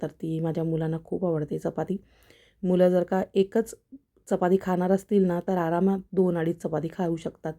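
A woman's voice: lowish voice, flat delivery, normal speed, dark tone. Chatty mother vlogging at home. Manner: chatty, homely, addresses viewers directly. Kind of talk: casual cooking vlog talk.

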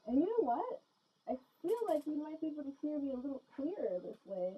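A woman's voice: sits high, sing-song, brisk, mellow, low-quality recording. A woman chatting casually in a vlog while wearing a gas mask, rambling and giggly with many ums and restarts. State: talking through a gas mask. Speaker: vlogger.

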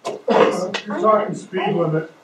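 A man's voice: high voice, slow. Man, audience, blunt, challenging, distant, echoey, noisy. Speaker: resident asking a question. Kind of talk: public comment at a town hall. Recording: roomy, distant pickup with noise.

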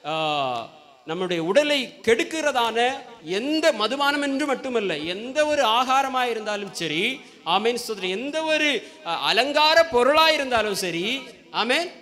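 A man's voice: very high voice, sing-song, slow pace, long pauses, sharp tone. A man preaching a Sunday sermon in a church, often asking the congregation questions and prompting them to call back. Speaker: pastor.

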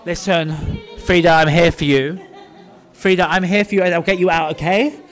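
A man in his twenties vlogs from an outdoor zoo, walking among the animal enclosures with his phone held close. His voice is fairly high and steady at a moderate pace, with faint music in the background. It's a camp, comedic monologue, sassy and dramatic, addressed to both the animals and the camera.

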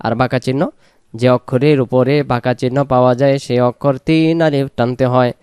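A man teaching Quran recitation, spelling each word letter by letter and then chanting the verse slowly. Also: medium pitch, steady tone, a little mellow, clean tone, no room sound, clean studio sound.

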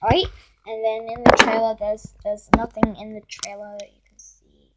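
A young woman walks viewers through her toy horse barn in a casual home video, filmed on a handheld phone indoors in a carpeted room. She hesitates, ums often and corrects herself, speaking at normal speed in a level, slightly high voice over a noisy background.

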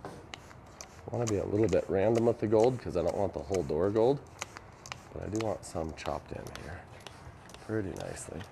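A man's voice: low-pitched, moderate pace, creaky, long pauses, dark tone, a little hiss or hum. A young man chatting casually and self-deprecatingly with viewers while demonstrating epoxy on a live stream in a workshop. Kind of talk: casual live demo chat. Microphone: phone camera.

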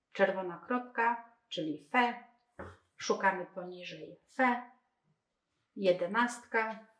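A woman showing a children's reading game step by step, explaining each move in a calm, methodical way. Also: mid-range voice. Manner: slow, methodical, talking through each move. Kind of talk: step-by-step demonstration. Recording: roomy indoor echo.

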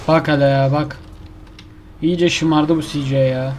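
Gaming commentator, male, higher pitch, frustrated self-talk, slight background hiss. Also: fairly even intonation, measured pace, darkish tone. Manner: exasperated, complaining, talks to himself and the game. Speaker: gaming YouTuber. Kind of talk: casual gameplay commentary.

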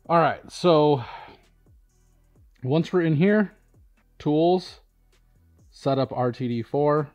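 This powersports tuning shop demonstrator, a middle-aged man, speaks slowly in a high-side, darkish voice while giving a casual, matter-of-fact walkthrough. He's recorded in a large indoor vehicle workshop with faint music behind him.

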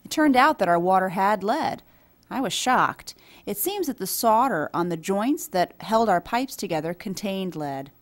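A woman reading an English voice-over for a signed conversation, explaining things in a steady storytelling way. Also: medium pitch, moderate pace. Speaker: voice-over for a signing speaker. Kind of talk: scripted dialogue voice-over.

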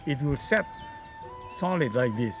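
A man's voice: medium pitch, very animated, a little slow, soft background music. An older man, a museum docent casually reminiscing outdoors on a farm, with folksy asides. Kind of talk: casual storytelling.

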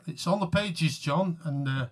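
A man's voice: fairly high pitch, measured pace, slight background noise. A man chatting casually to live viewers between songs, rambling and self-mocking as he greets people by name. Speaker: musician hosting a live tribute stream.

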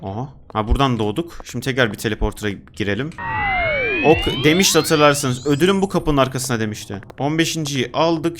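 A young man giving let's play commentary, thinking aloud as he plays and reading game notes aloud, turning loud and frantic when chased. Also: fairly high pitch, slight background noise. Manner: talks to himself while playing, reads game notes aloud. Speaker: gaming YouTuber.

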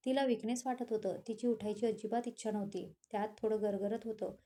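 Woman reading a love story aloud, steady, warm mellow voice. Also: mid-range voice, a little fast. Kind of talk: scripted story narration.

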